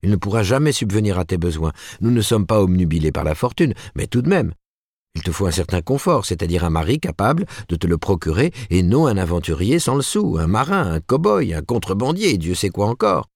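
A man's voice: deep voice, very animated, fairly quick, darkish tone, no room sound, clean studio sound, voice pushed up, exaggerated voice. A man reading the part of a proper, disapproving middle-aged mother who lectures her daughter in an audiobook. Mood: admonishing. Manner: admonishing, rising emphatically.

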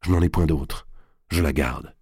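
A man's voice: extremely low pitch, fairly even intonation, moderate pace, darkish tone, husky, no room sound, clean studio sound, full character voice. A man voicing a proud, scornful young queen in an audiobook, her lines cutting and defiant, rising to cries. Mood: cold resolve. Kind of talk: audiobook character voice.

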